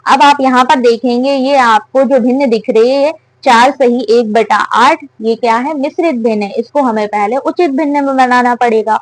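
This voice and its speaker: A woman's voice: fairly high pitch, normal speed, hardly any pauses, dry recording, low-quality recording. Woman teaching maths step by step. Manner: asks and answers her own questions.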